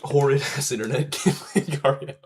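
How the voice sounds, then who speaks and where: A man hosting a casual gaming livestream in hyped gamer-bro talk full of swearing and slang, with a slightly husky voice. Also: mid-range voice, moderate pace, slight background noise. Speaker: live streamer hosting a game stream.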